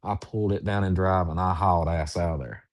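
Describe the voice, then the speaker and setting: A man who researches Bigfoot, telling a story in a halting, drawn-out way with many restarts. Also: sits low, fairly even intonation, no echo, studio quality. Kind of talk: storytelling in an interview.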